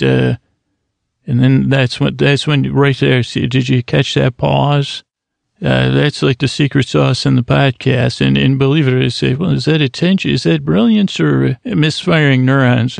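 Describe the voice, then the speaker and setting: A man with a creaky, medium-pitched voice opens his own podcast with a rambling solo intro, recorded dry. He's self-mocking and often laughs at his own jokes.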